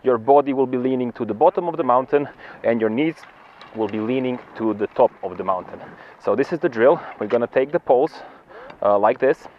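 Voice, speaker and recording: A man's voice: medium pitch, a little fast. A man working as a ski instructor, explaining technique outdoors. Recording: muffled outdoor recording with background noise.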